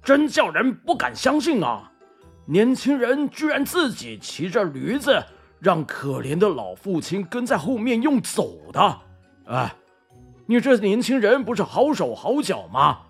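A grumbling, disapproving farm worker, as a woman puts him on, tutting and exclaiming with a lively up-and-down delivery in a storybook telling. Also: mid-range voice, measured pace, slightly rough, faint music behind, pitched above the performer's own voice, full character voice.

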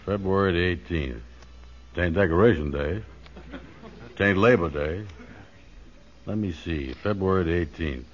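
An actor playing a pompous, dim but good-hearted schemer in a 1940s radio comedy, folksy and self-important. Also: male voice, deep voice, a little slow, pauses often. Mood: pondering. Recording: dull lo-fi 1940s radio recording.

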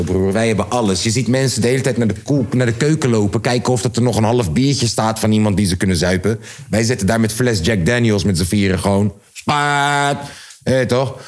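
A young man telling a party story to friends in casual chat, animated and slangy, acting out quotes and restarting his sentences. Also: fairly low pitch.

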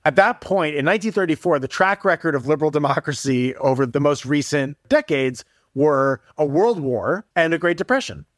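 A man's voice: a little high, animated, a little fast, no room sound, clean studio sound. A man, a journalist and author, explaining history casually as an interview guest. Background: music.

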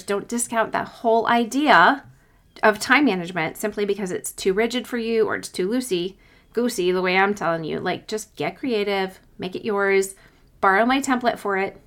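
A woman's voice: medium pitch, fairly bright tone. A woman hosting a solo coaching podcast, talking conversationally and giving informal, encouraging advice.

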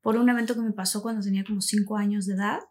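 A woman co-hosting a podcast, chatting casually and telling stories with lively quoted voices. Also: medium pitch, rapid-fire. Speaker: podcast co-host. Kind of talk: casual chat.

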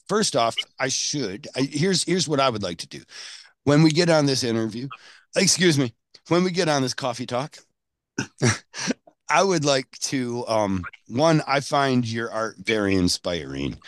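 A man hosting a casual interview, rambling with halting restarts. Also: mid-range voice, dry recording. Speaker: podcast host.

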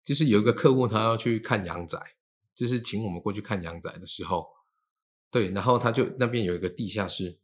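A man's voice: on the low side, a little fast. A man, a feng shui teacher telling stories in casual chat and acting out the quoted dialogue. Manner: animated, acts out quoted dialogue.

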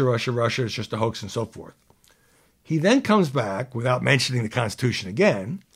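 A man's voice: mid-range voice, breathy edge. A man hosting political commentary, reading quotes aloud and adding sardonic asides.

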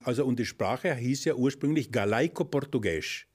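An older man appears as an expert guest, explaining history conversationally in a lecturing way, hesitant and full of fillers. He is a German speaker fluent in Spanish, with a husky, medium-pitched voice at normal speed.

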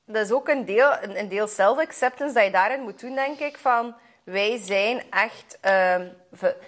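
A woman's voice: mid-range voice, measured pace. A woman with a Flemish accent hosting a podcast in casual chat, chatty and slipping English phrases into her talk. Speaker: podcast host.

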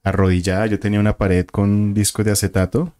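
A man's voice: lowish voice, little pitch movement, a little fast, dark tone. A man, a guest telling a vivid story and acting out the voices and sounds in it. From Colombia. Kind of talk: casual storytelling of a paranormal experience.

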